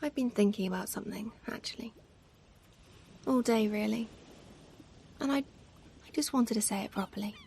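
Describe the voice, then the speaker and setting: Speaking in a fairly high pitch, a woman performs an ASMR roleplay as a loving, doting mother soothing her pet, with a playfully self-deprecating streak. Her delivery is soft and affectionate, a gentle murmur that sometimes drops almost to a whisper. The recording carries a constant background of ocean waves.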